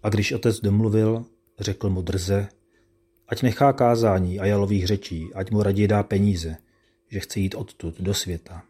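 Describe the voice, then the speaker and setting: Male narrator, low and mellow, measured and solemn classic storytelling. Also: fairly even intonation, breathy edge. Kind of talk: scripted narration of a classic tale.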